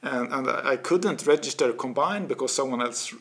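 An author in his forties, guesting in a casual interview, talks at normal speed in a mid-range voice with a Swedish accent. Lively and full of gestures, he repeats words and starts over as he thinks. His audio comes from a desk mic in a small office studio.

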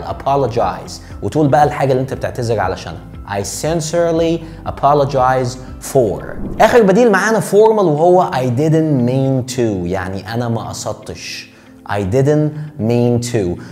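A young Egyptian man with an Egyptian Arabic accent, teaching English phrases in a joking, slangy way and drawing out the examples slowly. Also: mid-range voice, darkish tone. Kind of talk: casual online English lesson. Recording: faint music behind.

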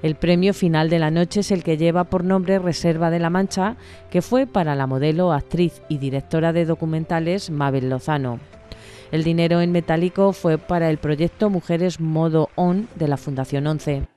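Mellow-voiced woman reading a news report. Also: deep voice, faint music behind. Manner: even, measured reporting. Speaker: news narrator. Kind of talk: scripted news voice-over.

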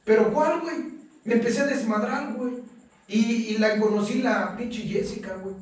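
A man's voice: very high-pitched, normal speed. A young Mexican man giving a raw, slangy, profane and emotional personal testimony at a recovery meeting. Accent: Mexican Spanish. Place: meeting hall. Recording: echoey room, distant mic.

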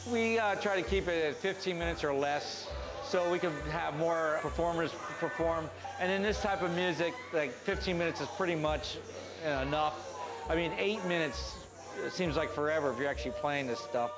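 A middle-aged man, a festival organizer, talking in a casual interview in a bar, halting with fillers. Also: fairly high pitch, over music, poor audio. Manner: laid-back, halting with fillers. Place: indoors in a bar.

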